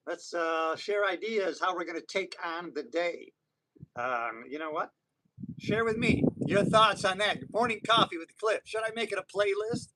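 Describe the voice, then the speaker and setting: A man's voice: high voice, moderate pace, background noise. A man in his sixties live-streaming outdoors on an island, talking in a rambling, motivational way with many restarts. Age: 60s. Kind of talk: casual live-stream monologue. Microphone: phone or camera for a live stream.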